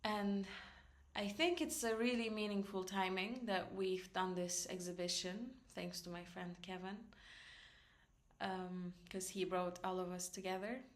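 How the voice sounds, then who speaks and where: Fields: Sex: woman. Role: filmmaker. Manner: earnest, slow. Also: medium pitch, steady tone. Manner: earnest, deliberate. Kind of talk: recorded personal message.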